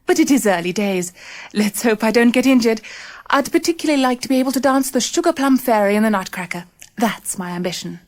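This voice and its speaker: A woman's voice: fairly high pitch, expressive, a little fast, darkish tone, lightly acted. A woman reading the part of a hopeful young female ballet student in a scripted exam monologue, eager in tone.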